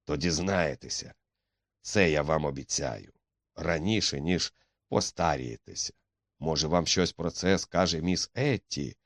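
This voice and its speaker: Bullying young tough, low and curt, menacing, read by a male narrator, dry sound. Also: a little slow, creaky, no room sound, heavily acted. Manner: curt, threatening.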